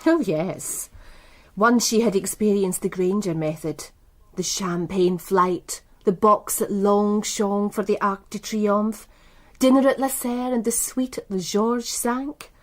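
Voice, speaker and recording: In a British radio crime drama, a woman with an English accent plays a proud, worldly businesswoman who runs a bookmaking empire. Her medium-pitched voice is steady, slow and close to everyday speech, and she comes across as composed, articulate, cool, knowing and self-assured.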